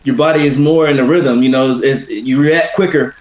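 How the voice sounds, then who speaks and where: A man's voice: mid-range voice, steady tone, fairly quick, crowd noise. A man chatting casually as a boxer in an interview, rambling and often tagging on "you know". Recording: roomy, dull lo-fi sound.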